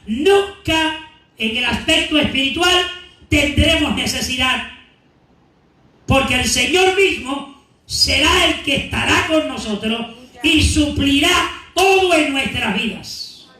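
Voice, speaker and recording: A man preaching a Bible teaching to his congregation, asking them questions and answering them himself, and reading scripture slowly and deliberately. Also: extremely high pitch, animated, pushed and bright. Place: church sanctuary. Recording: echoey church hall, mic at a distance.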